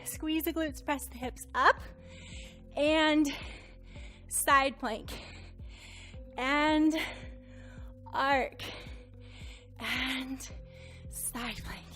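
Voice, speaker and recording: A woman's voice: high-pitched, steady tone, extremely slow, pauses often, bright, forceful tone, faint music behind. A woman instructor cueing a Pilates workout, counting reps and encouraging, a little out of breath. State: slightly out of breath.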